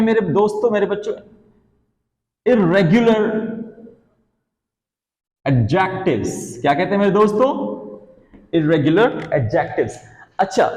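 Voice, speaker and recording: A man teaching a grammar lesson, asking questions and answering them himself, addressing students as his children and friends. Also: sits high. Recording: echoey room with long reverb.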